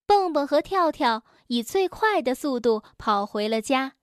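A woman telling a children's bedtime story in a gentle, coaxing way, close to the mic. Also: high voice, expressive, a little slow, no echo.

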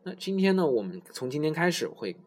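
A man's voice: on the high side, sing-song, darkish tone. Man teaching English pronunciation. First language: Chinese. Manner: explains in Chinese, models English words slowly and repeats them. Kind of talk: pronunciation lesson.

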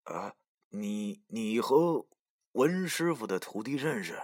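A man voicing a weary, grieving older father who speaks in a soft, breathy murmur. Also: fairly low pitch, lively intonation, slow pace. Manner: hushed, murmuring.

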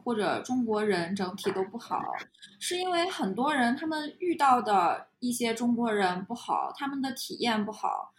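Podcast co-host: a measured, reflective woman from China with a slightly high voice, recorded in an echoey room. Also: a little hiss or hum. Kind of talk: casual conversation.

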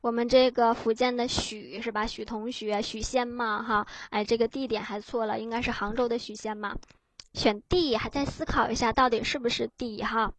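A woman's voice: a little high, fairly even intonation, moderate pace, no echo. A woman teacher giving an exam-prep lecture, explaining patiently and tagging her phrases with little "ha" fillers. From China.

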